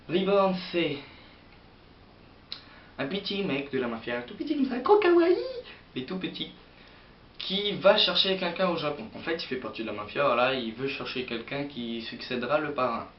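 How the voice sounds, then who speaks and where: In a mid-range voice at normal speed, a young manga vlogger rambles hesitantly to camera about manga, using many fillers. The audio, from an old computer setup's built-in mic, is roomy, distant and dull, with faint hiss.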